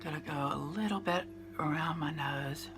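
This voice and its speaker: Music plays behind a beauty vlogger in her fifties as she chats casually about her makeup. She speaks in a low voice at a moderate pace, sounding nasal and congested from a cold, and rambles with fillers and restarts.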